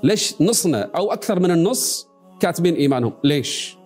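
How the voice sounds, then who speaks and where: A bold male warrior of old speaks with a Gulf Arabic accent, put on by a preacher. He drops into a lower, mellow register and pushes his demands with lively, forceful questions. Soft music sits faintly behind him. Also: fast talker. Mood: defiant.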